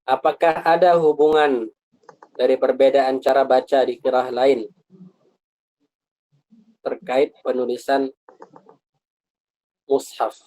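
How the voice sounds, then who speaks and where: A man's voice: medium pitch, flat delivery, slow, pauses often, a little mellow, low-quality recording. A man teaching a Quran recitation class online, explaining patiently, repeating points and asking rhetorical questions.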